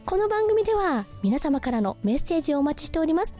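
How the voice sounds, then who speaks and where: A woman hosting a radio show, talking casually about films and reading listener messages with lots of soft fillers. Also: high voice, big pitch swings, quick pace, soft background music. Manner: chatty, many soft fillers. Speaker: radio host.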